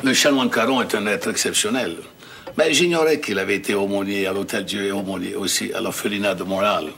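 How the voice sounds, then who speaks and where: An actor playing a courteous, sly older gentleman, speaking formally and with measured politeness in a period drama. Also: on the low side, gravelly. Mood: courteous, knowing. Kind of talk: television period drama acting. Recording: noisy soundtrack with clicks.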